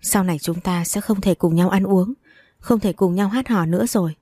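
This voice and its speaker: A woman voicing a sorrowful temple abbot who speaks softly, heavy with sadness. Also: medium pitch, normal speed, no echo, clean studio sound, lightly acted.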